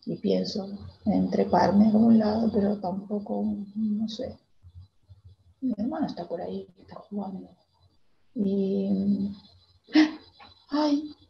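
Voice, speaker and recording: A woman with an Argentine accent playing a timid young girl in a theater monologue, talking in a hesitant, halting way. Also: medium pitch, creaky, dull audio. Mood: wistful. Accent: Argentine Spanish. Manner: hesitant, halting, many restarts. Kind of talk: theater monologue, reliving a memory.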